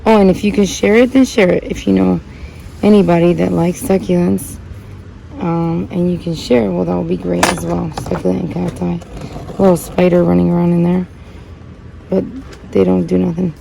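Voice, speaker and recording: Her voice is lowish with little pitch movement, vocal fry, and a normal pace, heard over a noisy background. She was born in Puerto Rico, grew up in Connecticut, and runs a plant channel, chatting loosely with many fillers while repotting cacti.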